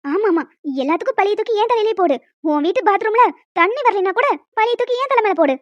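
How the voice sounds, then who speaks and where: A woman doing squeaky bickering college girls. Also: lively intonation, quick pace, no room sound. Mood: worried. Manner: bickering, teasing. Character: quarrelsome young female college students. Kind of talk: cartoon voice acting. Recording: dull lo-fi dry sound.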